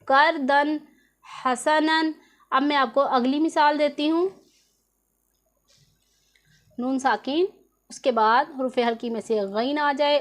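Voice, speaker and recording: A woman teaching Quran reading rules in a tutorial lesson, patiently repeating and drawing out each example word. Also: sits high. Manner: slow and patient, drawing out example words syllable by syllable.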